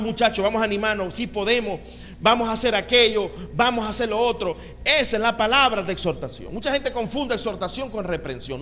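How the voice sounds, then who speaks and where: A male pastor preaching a sermon with animated delivery and calls of amen, recorded in a church sanctuary. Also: very high voice. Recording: reverberant hall with faint ambience.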